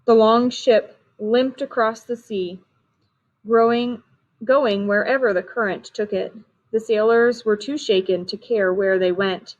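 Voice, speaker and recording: A woman reading a storybook aloud in a steady, clear manner, on a dull lo-fi recording. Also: a little high, a little slow. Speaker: reader.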